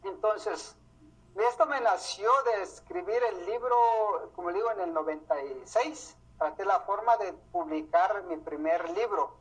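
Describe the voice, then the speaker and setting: Talking off the cuff about his book, this Mam-speaking author has a husky voice that sits high. He hesitates constantly, with fillers and restarts breaking up his speech, and the audio sounds like a muffled radio broadcast.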